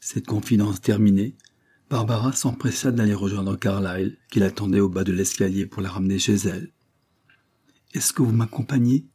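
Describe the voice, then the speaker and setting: Dark-voiced man narrating a novel. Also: fairly low pitch, level tone, brisk, slightly rough. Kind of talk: audiobook narration.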